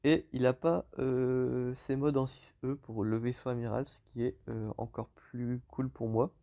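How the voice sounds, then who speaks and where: A French-accented man talks through a game in an easygoing, hesitant way. His voice is dark and mellow with a gravelly edge. He stops to correct himself often. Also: mid-range voice, unhurried. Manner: relaxed, lots of hesitations and self-corrections. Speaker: gaming YouTuber. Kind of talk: casual game commentary over screen.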